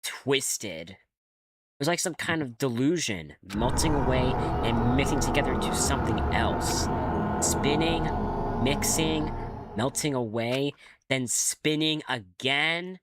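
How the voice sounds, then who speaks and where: A man voicing a nervous, bewildered new male high-school student, reading the game's first-person narration aloud. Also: expressive, slow pace, heavy background noise. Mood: dazed.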